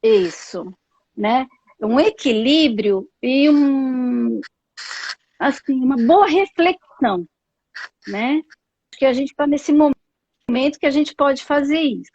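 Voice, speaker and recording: Here a psychologist guest with a Brazilian Portuguese accent speaks slowly and expressively, pausing often, her high voice carrying a darkish tone. She is thoughtful on a live video call, using many fillers and tag questions, in dull lo-fi audio with no room sound.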